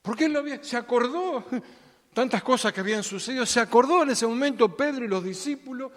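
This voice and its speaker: A man preaching a sermon as pastor, dramatic, acting out the Bible voices, swinging between loud and soft. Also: extremely high pitch, lively intonation, brisk. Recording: long hall reverb.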